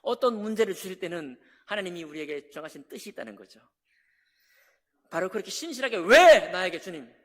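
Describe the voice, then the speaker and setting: High-voiced man preaching in a reverberant hall. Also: lively intonation, fast. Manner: impassioned, acts out complaints of prophets. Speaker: pastor. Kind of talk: sermon. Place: church sanctuary. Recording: long church hall reverb.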